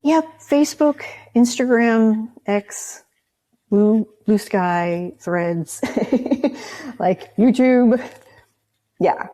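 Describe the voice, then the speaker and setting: A woman's voice: on the high side, drawn-out words, mellow, no room sound. A woman author speaking as an interview guest, rambling and explaining at length. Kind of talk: casual interview chat.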